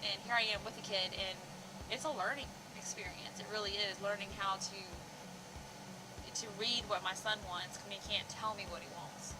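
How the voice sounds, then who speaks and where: Her voice is mid-range and fairly even, at normal speed, with very heavy noise around it. She's a woman in her twenties hosting a parenting vlog, seated indoors in a group a few feet from the camera, bluntly and emphatically ranting with plenty of swearing.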